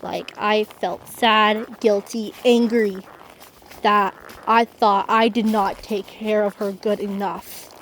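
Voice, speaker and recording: A young woman vlogging outdoors while riding a horse, telling an emotional story in a halting way with many restarts. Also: medium pitch, steady tone, slight background noise, rough recording.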